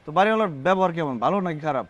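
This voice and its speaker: An actor playing a brash, boastful young man hunting for a flat, with a sing-song way of talking. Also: high-pitched, very fast. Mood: bargaining. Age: young adult. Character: brash cocky young man, full of himself. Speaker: son looking for a flat.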